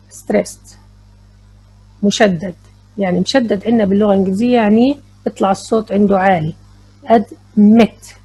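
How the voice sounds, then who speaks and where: A woman's voice: medium pitch, mellow, husky, poor audio. A woman teaching an English grammar lesson, mixing English with explanations and spelling out letters. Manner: switches between English and Arabic, spells out letters.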